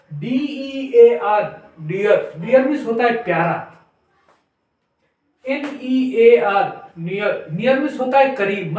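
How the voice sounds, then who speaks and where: A male English teacher giving a whiteboard grammar lesson, spelling words out letter by letter and then explaining them slowly. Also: sits high, far from the mic. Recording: very echoey room, voice off-mic.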